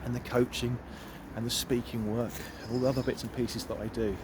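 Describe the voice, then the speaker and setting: A man's voice: medium pitch, little pitch movement, a little fast. A middle-aged man and empowerment coach, speaking earnestly and emphatically as he walks through woods, repeating phrases for weight, recorded on a phone he holds. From United Kingdom. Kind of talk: walking vlog monologue. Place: outdoors in woods. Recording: faint outdoor noise.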